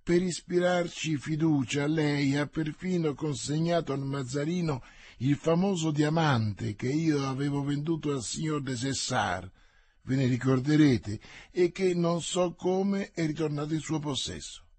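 A man reading the part of a shrewd, persuasive male musketeer in an audiobook, in a measured way. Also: on the high side, a little mellow, slightly rough, no echo.

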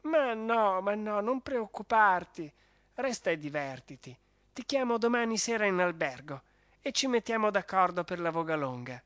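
A storyteller voicing a gallant young baron who speaks politely and softly. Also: male voice, high voice, lively intonation, normal speed, dry recording, pitched above the performer's own voice. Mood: gentle. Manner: polite, soft-spoken. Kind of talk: storybook reading.

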